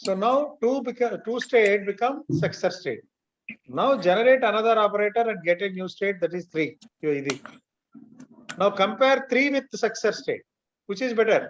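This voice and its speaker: Fast, high-voiced Telugu-accented male teacher. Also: animated. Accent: Telugu Indian. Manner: repeatedly checks that students follow; mixes Telugu and English. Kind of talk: online class lecture, explaining step by step. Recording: dull, lo-fi online class audio.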